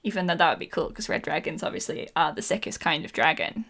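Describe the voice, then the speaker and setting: A woman's voice: low voice, lively intonation, fast, vocal fry, fairly bright tone. A woman co-hosting a podcast, chatting casually and playfully with lots of ums and laughter. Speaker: podcast co-host. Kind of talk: casual chat.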